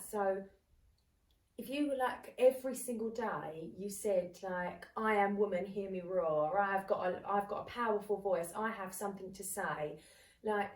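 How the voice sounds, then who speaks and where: Acting out quoted speech with plenty of animation, a podcast co-host in her thirties keeps the casual chat lively. Her mid-range voice is picked up far from the mic, off-mic in an echoey room.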